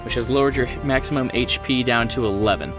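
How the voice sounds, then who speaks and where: A fast-talking man with a medium-pitched voice acts as game master for a horror tabletop roleplaying game, improvising scene descriptions and rule explanations conversationally. He's recorded on a distant mic with clear background music.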